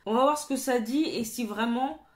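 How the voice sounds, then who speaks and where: A woman vlogging about beauty products in a casual, chatty way, thinking aloud and quickly deciding what to keep or drop. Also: a little high. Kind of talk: casual chat.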